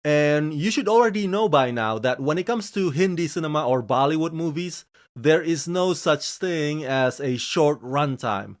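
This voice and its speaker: A man from Indonesia, host and film reviewer on his channel, delivers a scripted review of a series full of emphatic, gushing enthusiasm, with frequent changes in pitch and pace. He sounds animated and speaks at normal speed.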